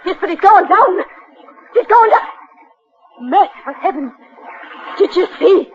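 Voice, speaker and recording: A woman's voice: extremely high pitch, animated, measured pace. An actress playing a frightened woman in a 1940s radio drama, agitated and breathless. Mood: alarmed. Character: frightened woman watching from the shore. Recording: lo-fi radio drama with crowd noise.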